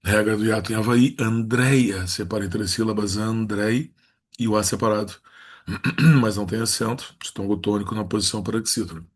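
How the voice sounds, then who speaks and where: A man, teaching Portuguese rules in a recorded lesson. He draws out each example word slowly and then states the rule in a flat tone. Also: on the low side, breathy edge.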